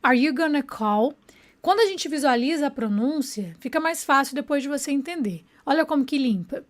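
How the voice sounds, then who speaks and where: Woman, high voice, online English teacher, slows down to model phrases, checks in with students. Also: lively intonation.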